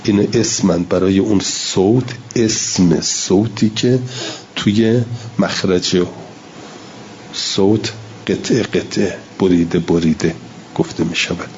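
A man's voice: sits low, a little mellow, lo-fi sound, slight background noise. A man lecturing a class on Quran recitation, reading Arabic lines and explaining them in casual Persian, sounding out examples and repeating himself.

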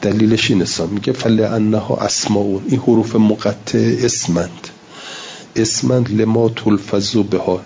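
A man's voice: on the low side, fairly even intonation, vocal fry, a little mellow, dull audio, a little hiss or hum. A man lecturing a class on Quran recitation, reading Arabic lines and explaining them in casual Persian, sounding out examples and repeating himself.

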